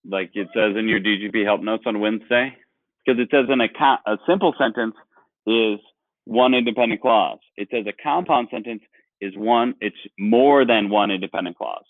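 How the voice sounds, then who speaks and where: A man's voice: lowish voice, normal speed, dry recording. A male teacher leading an online grammar lesson, explaining patiently and asking the class questions. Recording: dry, phone-like sound.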